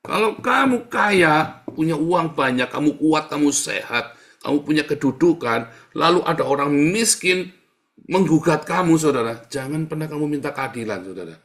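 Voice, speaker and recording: A male pastor preaching in a colloquial, teasing manner, jumping between loud bursts and hushed asides. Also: a little high, moderate pace. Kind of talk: sermon.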